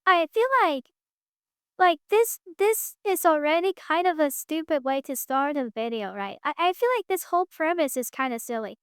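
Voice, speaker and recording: A woman with a very high voice riffs sarcastically on a video she is watching, laughing often and swearing casually. Her voice sounds close and dry, with no room around it. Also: lively intonation, moderate pace, no room sound. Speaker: reaction video host. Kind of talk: casual reaction commentary.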